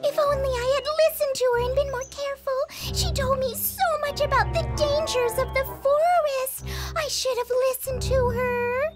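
A woman's voice: steady tone, normal speed, few pauses. A woman voicing a small, innocent young girl honeybee in a cartoon, childlike and earnest. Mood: regretful, scared. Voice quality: childlike, squeaky. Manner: earnest, exclamatory. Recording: loud music behind.

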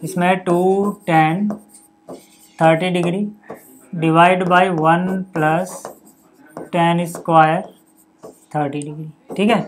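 There's a little hiss or hum behind this male maths teacher, whose voice sits high and steady as he takes things slowly with long pauses. Going through a board lesson step by step, he reads out each number and step, asks the viewer what's next and answers himself, and uses casual fillers like "okay" and "buddy."

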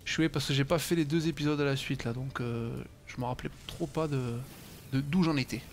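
A man's voice: medium pitch, fairly even intonation, brisk, slight background noise. A man giving casual gaming commentary, muttering to himself and swearing offhandedly. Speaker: let's play host.

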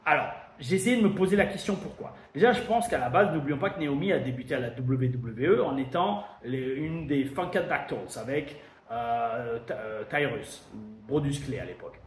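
A man's voice: a little high, lively intonation, moderate pace. A man from France giving a chatty, emphatic review monologue as host of his wrestling show. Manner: chatty, emphatic, thinks aloud. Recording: echoey room with faint noise.

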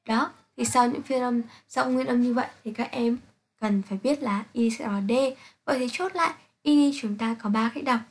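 A woman teaching an English pronunciation lesson, reading out sounds and example words slowly and carefully to her students. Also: fairly high pitch, slightly rough. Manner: slow, careful, spelling out sounds one by one.

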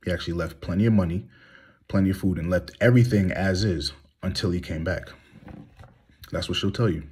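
Low-pitched, brisk, husky, and darkish in tone, this thirtysomething vlogger talks bluntly and angrily, throwing out rhetorical questions. He lies back in a small room and films his candid monologue on a phone held out at arm's length.

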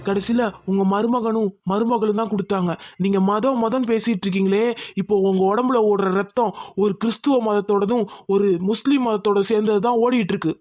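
A performer voicing a calm, firm hospital doctor in a cartoon who lectures a patient's family. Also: medium pitch, brisk, no room sound, clean studio sound, natural voice. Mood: lecturing. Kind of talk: Tamil cartoon voice acting.

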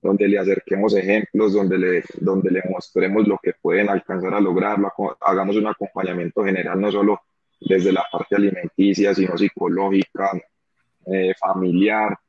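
A man's voice: low-pitched, little pitch movement, normal speed, husky. Earnest Colombian man on a call. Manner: earnest, repeats phrases for emphasis. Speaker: footballer interview guest. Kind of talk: earnest conversational interview. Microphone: phone or webcam on a video call. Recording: dull lo-fi video call audio.

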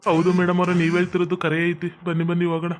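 A man playing a fussy middle-aged village father in a comedy sketch, coaxing and monotone. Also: high voice, very fast, lightly acted.

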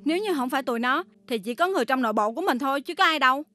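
Actress playing a brisk, insistent staffer, very fast, high voice. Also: female voice, expressive, pushed and bright, no echo, clean studio sound, soft background music. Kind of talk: sitcom acting.

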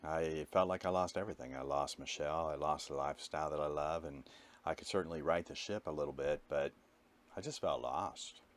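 A man with a very deep voice narrates his own travel vlog as a voice-over, speaking fairly quickly. He tells his story candidly and matter-of-factly.

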